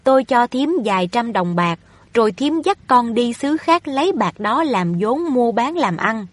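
A woman's voice: a little high, lively intonation, measured pace, no echo. A woman voicing a haughty wealthy young woman in a storybook reading, scolding and overbearing. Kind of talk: audiobook reading of a novel.

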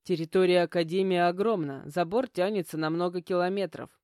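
A woman voicing a young male mentor who speaks firmly and calmly in an audiobook. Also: lowish voice, a little fast, clean tone, no echo, clean studio sound, natural voice. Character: stern young male mentor, calm and teasing.

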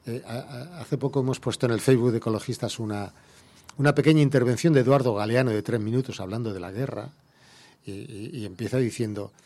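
A man's voice: medium pitch, creaky, dark tone. Indignant Andalusian man, heated rhetoric. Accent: Andalusian Spanish. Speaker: environmental activist guest. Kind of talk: radio interview.

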